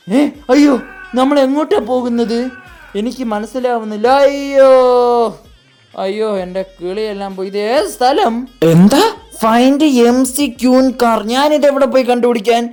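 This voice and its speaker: A woman's voice: medium pitch, darkish tone. A woman giving dramatic, exclaiming gameplay commentary in character, constantly talking to her viewers. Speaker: gaming YouTuber.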